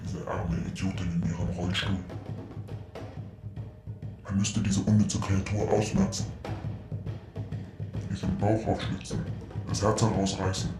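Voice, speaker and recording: An actor playing a calm, menacing male killer in a German radio play, speaking a low, brooding monologue. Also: normal speed, pauses often, reverberant, music in the background, natural voice. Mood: hateful. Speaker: killer heard on a cassette tape.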